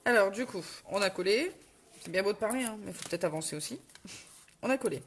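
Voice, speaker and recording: A woman's voice: medium pitch, expressive, fast, a little hiss or hum. A middle-aged woman with a Ch'ti accent hosting a casual live crafting tutorial at home, chatting, self-correcting and answering viewer comments. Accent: Ch'ti (northern French). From northern France. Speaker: crafting host on a live stream.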